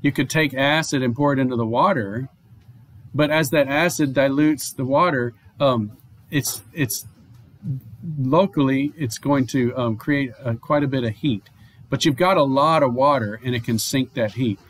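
A male chemistry professor giving a recorded online lecture, explaining at a steady pace with fillers, restarts and "okay?" checks. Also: mid-range voice. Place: home or office, online lecture.

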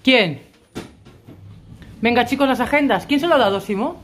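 A woman's voice: a little high, animated, moderate pace, a bit bright, a little hiss or hum. A woman, a mother chatting casually to her viewers at home. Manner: chatty, talks straight to viewers. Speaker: vlogger and mother. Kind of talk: casual family vlog. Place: family home.

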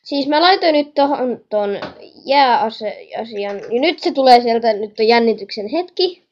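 A young woman chatting excitedly while playing a horror game, talking to viewers and scolding her mother in the background. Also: fairly high pitch, dull audio. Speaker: gaming channel host. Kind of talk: game commentary.

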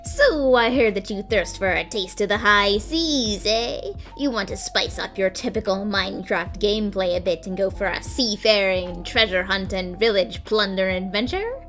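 A woman voicing a swaggering pirate, drawling slowly and theatrically with pirate slang, over faint music. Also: medium pitch, fairly bright tone, natural voice. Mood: hammy.

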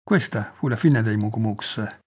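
A man from Italy with a husky voice, narrating a story in a measured way and slowing down on the dramatic lines. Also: fairly low pitch. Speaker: reader, narrator. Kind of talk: scripted audiobook narration.

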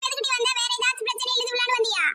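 Squeaky, very high voice of a quarrelsome village wife with a southern Tamil village accent, voiced by a woman in a comedy sketch. She snaps and scolds in an exasperated way, over a clear background hiss. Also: flat delivery, rapid-fire, sharp tone, full character voice. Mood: scolding. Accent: southern Tamil Nadu village dialect.

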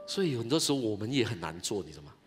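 Animated pastor preaching. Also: male voice, lowish voice, rapid-fire, over music. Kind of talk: conference sermon. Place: church conference hall.

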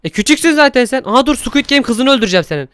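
A young man hosting Minecraft gameplay commentary, excitable and exclaiming often as he talks to viewers. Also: extremely high pitch, rapid-fire, clear, resonant tone, no room sound, clean studio sound. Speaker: gaming YouTuber host.

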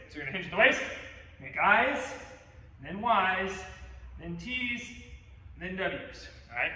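Upbeat male fitness coach, winded from demoing moves, high bright voice, distant mic in an echoey hall. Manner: upbeat, cues moves with "boom". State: out of breath. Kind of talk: workout instruction demo. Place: gym.

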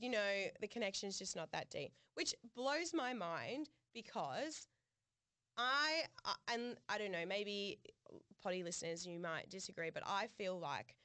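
A young woman co-hosting a chatty podcast, swearing freely and telling her story with plenty of animation and laughter. Her voice sits at a middle pitch, and the recording is dry and close to the mic. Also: fairly bright tone, no echo. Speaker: podcast co-host. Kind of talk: casual chat.

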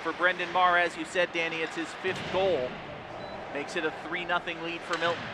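Higher-voiced man calling hockey over loud noise. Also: little pitch movement, moderate pace. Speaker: play-by-play announcer. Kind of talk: live ice hockey commentary. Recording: noisy ice rink broadcast. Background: loud rink ambience.

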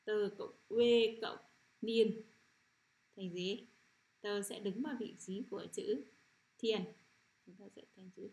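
A middle-aged woman teacher leading a children's phonics lesson, sounding out syllables slowly and often asking if the class has understood. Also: medium pitch. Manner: repetitive, checks understanding with frequent "được chưa?".

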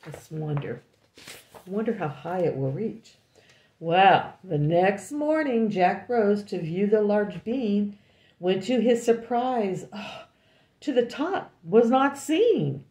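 Older woman, storybook reader for a grandchild, gravelly, chatty asides, roomy echo. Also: medium pitch, mellow. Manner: pauses often to comment and ask the child questions. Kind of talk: reading a picture book aloud. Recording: echoey room.

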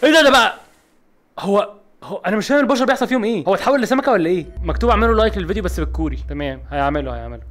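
A man's voice: high voice, expressive, rapid-fire, fairly bright tone. A man with an Egyptian accent giving jumpy let's play commentary, asking over and over what is happening. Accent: Egyptian Arabic. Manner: jumpy, keeps asking what is going on, frightened exclamations. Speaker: gaming video host.

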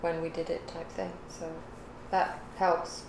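The host's mother, an older woman, joins a craft livestream as a guest, chatting casually from a living room or home craft room. She rambles thoughtfully and corrects herself as she goes, in a lowish, flat, unhurried voice, with an echoey room and clear background noise.

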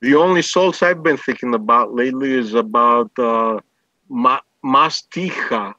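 Middle-aged male, New York accent, casual and halting, dry but dull video-call sound. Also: medium pitch, sharp tone, no echo. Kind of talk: casual chat.

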